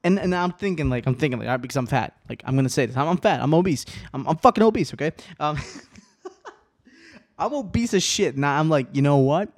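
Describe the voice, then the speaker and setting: A man's voice: a little high, lively intonation, a little fast. Laughing, swearing young man rambling. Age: 20s. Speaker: podcast host. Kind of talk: casual podcast monologue.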